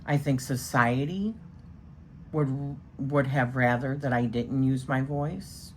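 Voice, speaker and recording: Speaking slowly in an extremely low-pitched voice, a woman gives a casual tarot session, rambling a bit and using many fillers. Her voice is strong, and there's slight noise in the background.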